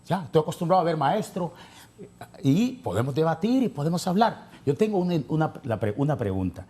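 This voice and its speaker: Guy arguing on a panel, husky voice, jumps up and down a lot, keeps repeating himself. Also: on the high side, very animated, fairly quick, warm tone. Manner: insistent, argumentative, repeats himself. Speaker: panel guest. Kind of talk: heated panel debate.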